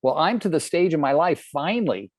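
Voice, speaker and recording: A man's voice: fairly high pitch, animated, a little fast, dry recording. Man, 60s, from California, earnest motivational trainer, emphatic, rhetorical questions, dry close sound. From California, United States. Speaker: real estate trainer.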